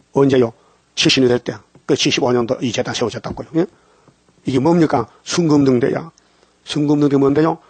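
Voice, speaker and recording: A man's voice: a little high, slightly rough, dry recording. An older man preaching a dawn sermon, firing questions at the congregation and answering them himself. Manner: call-and-response questions to the congregation.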